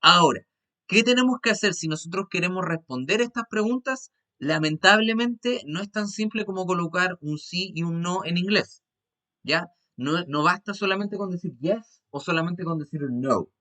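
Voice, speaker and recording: A man with a Chilean Spanish accent teaches an English class online, walking through each step patiently and often pausing to check that everyone follows. His voice is bright and a little high for a man. He drops into slow, careful English for the example sentences. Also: expressive. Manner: patient, repeats "¿ya?" to check understanding; switches between Spanish and slowly spoken English.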